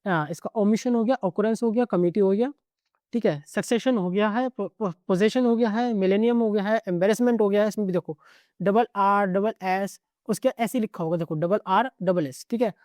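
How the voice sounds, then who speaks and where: A male teacher giving a casual exam-prep lesson, rattling quickly through word lists and checking in with the listener after nearly every line. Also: high voice, darkish tone, no room sound, clean studio sound.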